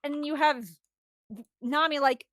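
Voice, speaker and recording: A woman streamer casually retelling a story, animated and rambling, often restarting her sentences. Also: high-pitched, measured pace, no room sound, studio quality.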